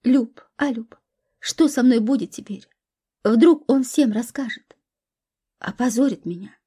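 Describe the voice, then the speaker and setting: A woman's voice: a little high, unhurried, warm tone, breathy edge. A woman voicing a naive, ashamed young woman in a storybook reading, with a tearful, plaintive manner.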